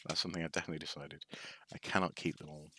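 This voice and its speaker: A man's voice: a bass voice, fairly even intonation, rapid-fire, sharp tone, a little hiss or hum. A man from North Wales chatting casually on a live stream, hesitant with lots of restarts and wry asides. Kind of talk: casual rambling show-and-tell.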